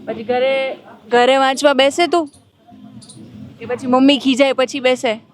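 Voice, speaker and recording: High-voiced woman reporter, playful questions. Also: steady tone, unhurried. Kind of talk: on-location interview with schoolchildren. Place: outside at a girls' school.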